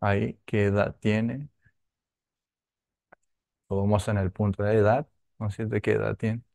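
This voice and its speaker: A man teaching a language class, going slowly and checking often that his students follow. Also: on the low side, little pitch movement, creaky, a little mellow. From Argentina. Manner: slow, repetitive, with frequent tag questions.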